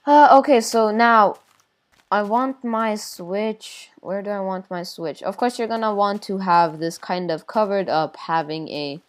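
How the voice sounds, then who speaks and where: A woman explains a game build in a casual tutorial chat, her voice mid-range and a little slow. She sounds hesitant, using many fillers along with playful sound effects.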